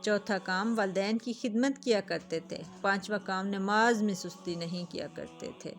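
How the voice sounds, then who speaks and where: Woman storyteller, earnest moral narration, faint music bed. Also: medium pitch. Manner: earnest, addresses viewers directly.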